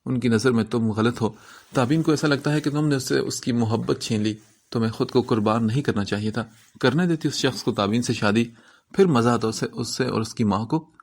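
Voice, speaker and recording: A man's voice: mid-range voice, creaky. A man reading the part of a bitter, protective middle-aged aunt in a novel, in a scolding manner.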